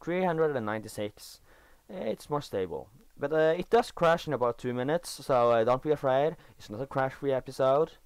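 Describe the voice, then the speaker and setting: Over his own gameplay footage, a Norwegian teenager who creates gaming videos offers casual commentary in his second language, English, in a dry voice-over recorded afterward. His medium-pitched voice is smooth with lively intonation, and he speaks haltingly, self-correcting, full of enthusiasm for the game's details.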